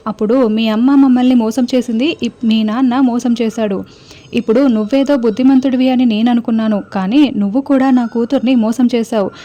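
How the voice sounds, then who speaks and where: A woman's voice: fairly high pitch, fairly even intonation, brisk, lightly acted. A woman voicing a furious middle-aged mother who hurls accusations and threats, in a retold TV serial. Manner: shouting accusations.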